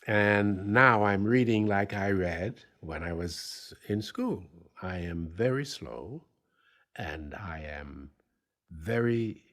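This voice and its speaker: Slow, low-voiced older man telling a story. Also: a bit bright. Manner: measured, halting, with pauses and restarts; acts out both sides of remembered dialogue. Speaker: speaker telling a life story.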